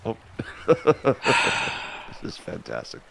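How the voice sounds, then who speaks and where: A man's voice: slow pace, a little hiss or hum. A man streaming a game and chatting casually with his audience and fellow players. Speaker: gaming streamer. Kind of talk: casual gameplay chat.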